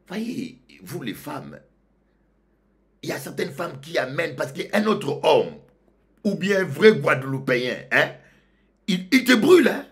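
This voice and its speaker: A male pastor from Congo, preaching a sermon that swings from loud outbursts to low murmurs. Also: sing-song, measured pace, pauses often.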